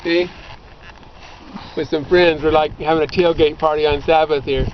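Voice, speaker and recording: Sitting in the back of a pickup near a creek, this middle-aged man, once a missionary bookseller, tells loose, rambling stories to friends. He speaks at normal speed in a steady, slightly high voice, captured on a muffled, lo-fi amateur recording full of outdoor background noise.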